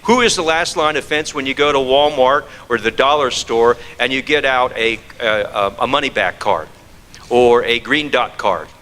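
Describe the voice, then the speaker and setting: A man's voice: medium pitch, moderate pace, pushed and bright, big-room sound. A man giving a scam-prevention presentation to an audience, firing off rhetorical questions and repeating key phrases for emphasis. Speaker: fraud prevention speaker.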